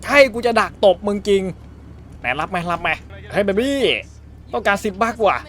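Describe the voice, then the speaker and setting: High-pitched guy doing crude let's-play commentary, cussing nonstop, voicing the game lines himself. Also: moderate pace, a bit bright. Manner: crude, joking, heavy swearing; dubs game dialogue in his own voice. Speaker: gaming YouTuber.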